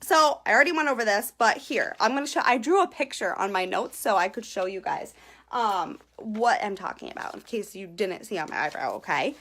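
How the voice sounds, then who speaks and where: A woman's voice: medium pitch, expressive, a little fast, fairly bright tone. A young woman giving a casual live-stream eyebrow tutorial, chatty and a little nervous, tagging nearly every sentence with "okay?" and greeting viewers by name. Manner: giggly and self-conscious. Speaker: beauty vlogger.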